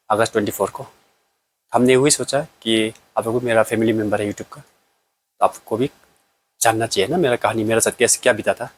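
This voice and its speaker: A man speaking to his channel's viewers, recounting what happened to him in a plain, unhurried way. His voice sits at an ordinary pitch, and he often pauses and restarts as he tries to remember. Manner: plain, halting personal account. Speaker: vlogger. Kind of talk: casual storytelling.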